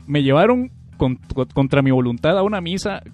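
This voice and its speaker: Lively Costa Rican man telling stories. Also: fairly high pitch, a little fast, soft background music. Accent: Costa Rican Spanish. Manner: animated storyteller, acts out childish shouts. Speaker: podcast co-host. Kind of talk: casual comedic chat.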